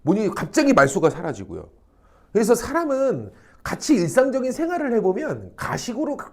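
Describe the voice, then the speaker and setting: Animated male teacher lecturing a class. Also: high-pitched, gravelly. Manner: animated, acts out quoted people, frequent rhetorical check-ins, salty slang. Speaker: high school social studies teacher. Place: academy classroom.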